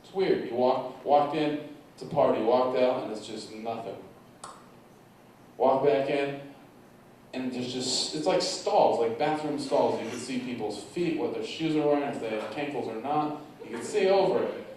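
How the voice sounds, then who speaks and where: A man doing a stand-up comedy set on a theater stage, telling a story with animated delivery that bursts into loud stretches. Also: mid-range voice, normal speed, a little hiss or hum. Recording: echoey room from far off.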